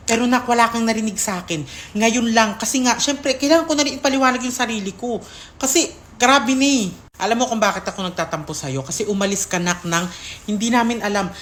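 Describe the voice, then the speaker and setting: A woman's voice: medium pitch, fairly bright tone, slight background noise. A woman giving an emotional vlog statement, her voice shaking as she pleads and speaks tenderly to someone directly. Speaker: content creator.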